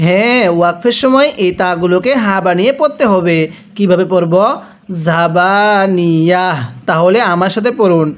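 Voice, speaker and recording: A Quran reading teacher who spells out each syllable and then has listeners repeat after him, in a slow, measured lesson. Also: mid-range voice, expressive.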